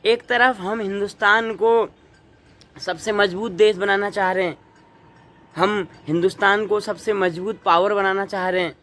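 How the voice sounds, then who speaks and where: A man's voice: high-pitched, fairly bright tone. A young man from Uttarakhand, India, giving earnest, indignant opinion commentary as a vlogger, asking the viewer pointed rhetorical questions.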